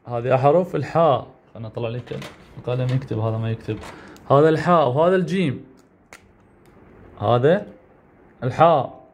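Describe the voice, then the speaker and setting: A man with an Iraqi Arabic accent teaches beginners to read, sounding out words slowly, syllable by syllable. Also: fairly high pitch. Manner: slow syllable-by-syllable drilling of sounds. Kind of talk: beginner reading lesson.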